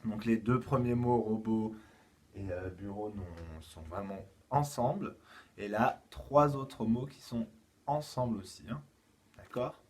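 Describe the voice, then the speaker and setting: Patient French teacher, low voice. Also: male voice. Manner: slow, clear, patient explanations to children. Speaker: kindergarten teacher. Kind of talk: home-schooling lesson for young children.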